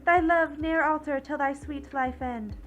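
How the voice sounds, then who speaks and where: A woman acting a gentle young woman in a home Shakespeare production, speaking verse softly. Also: sits high, steady tone, a little slow, faint music behind, low-quality recording. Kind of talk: amateur home Shakespeare performance.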